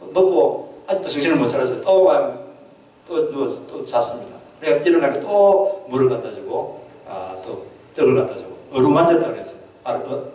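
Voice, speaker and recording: A man's voice: medium pitch, mellow. Echoey distant male pastor preaching. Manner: earnest, asks the congregation questions, acts out quoted prayers. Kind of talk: sermon. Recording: echoey hall, mic at a distance.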